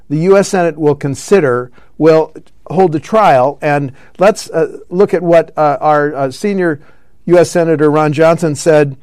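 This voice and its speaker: A man's voice: a little high, a little mellow, clear, resonant tone, no room sound, clean studio sound. A man hosting a political talk show, running through news items with frequent fillers and self-corrections. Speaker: radio show host.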